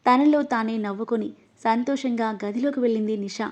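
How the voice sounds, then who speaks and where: A woman's voice: a little high, fairly quick. Woman narrating an emotional story. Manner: reads all the characters, her voice rising louder in angry lines. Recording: dull, lo-fi audio.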